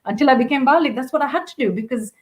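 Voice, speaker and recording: Middle-aged woman from kenya, kinda high voice, lively heartfelt podcast storytelling. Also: racing. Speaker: sports director and podcast guest. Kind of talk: casual podcast conversation.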